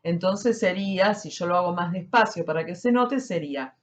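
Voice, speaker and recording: A woman giving a slow, explanatory spiritual lesson, often checking in with her listeners. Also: fairly low pitch, lo-fi sound. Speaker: spiritual teacher. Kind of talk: slow explanatory teaching talk.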